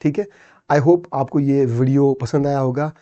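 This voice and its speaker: A man's voice: mid-range voice, moderate pace, mellow, muffled recording. A man with an Indian English accent teaching an exam-prep lesson, explaining step by step and often checking "theek hai".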